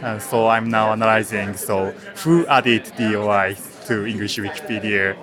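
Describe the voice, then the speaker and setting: Brief: male student, low-ish voice, crowd behind. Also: normal speed. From Japan. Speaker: PhD student. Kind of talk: self-introduction at a meeting.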